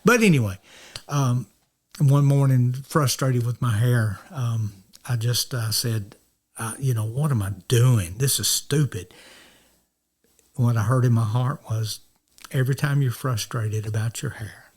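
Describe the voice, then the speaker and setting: This mid-range, slightly rough voice belongs to a middle-aged North Georgia minister speaking unhurriedly as an interview guest. His casual storytelling wanders, frequently starting over, and he performs the characters' lines himself.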